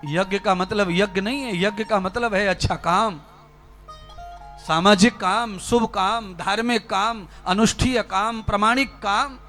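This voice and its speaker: High-pitched fervent male preacher, bright tone. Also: measured pace, faint music behind. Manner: fervent, rhetorical, addresses listeners directly. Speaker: spiritual preacher. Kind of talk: Hindi religious discourse.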